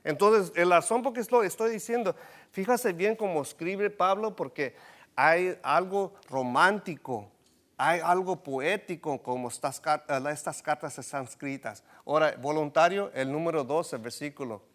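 A man's voice: a little high, normal speed. A man preaching a bilingual sermon, often asking his congregation questions and rising to emphatic bursts. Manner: switches between Spanish and English, asks the congregation questions; rises to emphatic, animated bursts. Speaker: pastor.

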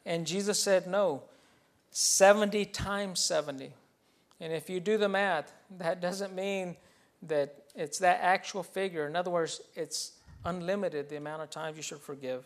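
A pastor with a fairly high male voice preaches in an earnest, teacherly way. He explains a passage, then restates it in a second language, with hesitant fillers and restarts along the way. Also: slow. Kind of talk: bilingual sermon, preaching.

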